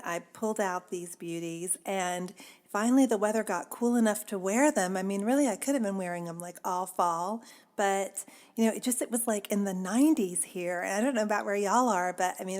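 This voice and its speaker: A woman's voice: medium pitch, a little mellow. A woman hosting a podcast in a chatty, casual way, laughing often and using many fillers. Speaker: podcast host. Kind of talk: casual chat.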